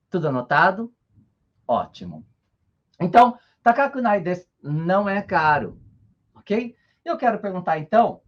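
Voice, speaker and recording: Husky man teaching, lively pitch. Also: dull audio. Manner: patient, checks in often with short tags. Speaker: Japanese teacher. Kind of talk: online language lesson.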